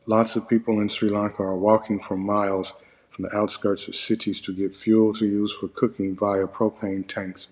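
A man hosting a podcast, reading his written essay aloud in a measured, deliberate way. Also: on the low side, a little mellow. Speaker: podcast host; monk. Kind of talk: scripted narration, essay read aloud.

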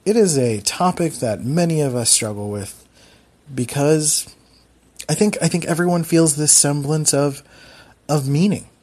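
A man's voice: fairly high pitch, unhurried, a little mellow. A man from Philadelphia with a Philly accent, hosting a casual solo podcast in a rambling, self-deprecating way. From Philadelphia, USA. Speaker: podcast host.

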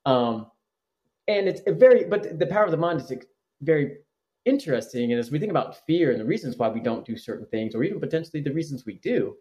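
A man in a conversational podcast interview, his slightly high voice rising and falling with lively energy. He talks earnestly, restarting phrases as he works through his thoughts. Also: quick pace. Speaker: psychologist guest.

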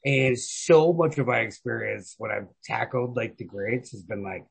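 A gravelly, slightly rough man's voice of medium pitch, going at a moderate pace. As a podcast host he shoots the breeze about books, cursing freely, leaning on slang and emphasis, and padding his lines with repeated "like."

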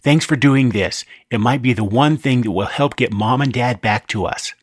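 A man voicing an eager, excitable young boy in a storybook reading. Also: medium pitch, moderate pace, breathy edge, dry recording, studio quality, lightly acted. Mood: soft.

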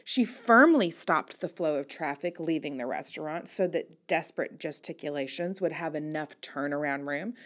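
A woman reading her own humorous personal story aloud with a wry, mock-dramatic delivery. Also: fairly low pitch. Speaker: newsletter writer reading her own piece.

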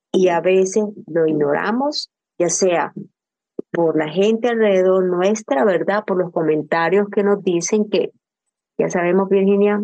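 A woman's voice: lowish voice, mellow, poor audio. An older woman speaking as a grief counselor in an interview, earnest and personal, often asking rhetorical questions. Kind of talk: reflective interview talk.

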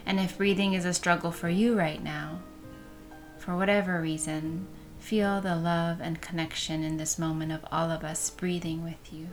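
A woman leading a guided meditation in a soft, soothing manner, with breath showing at the ends of phrases. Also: lowish voice, flat delivery, moderate pace, faint music behind.

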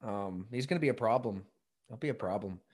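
A man giving relaxed sports commentary in a conversational way, thinking aloud and often breaking off mid-sentence. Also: fairly low pitch, fairly quick. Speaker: football commentator on a sports talk show.

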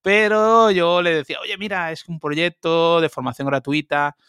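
Man, interview guest, lively casual storytelling, dry close recording. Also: fairly high pitch, clear, resonant tone, no echo. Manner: lively, animated, quick asides and laughs.

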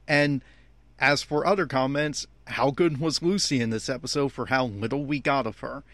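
An exasperated fan podcast host complains his way through opinionated commentary on an anime episode. His mid-range voice is fairly bright and moves at normal speed, recorded close and dry.

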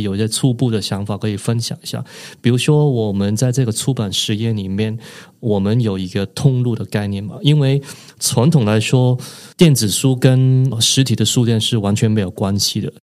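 A man, an author and podcast guest, explaining his ideas thoughtfully with frequent pauses. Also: fairly low pitch, darkish tone. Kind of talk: podcast interview.

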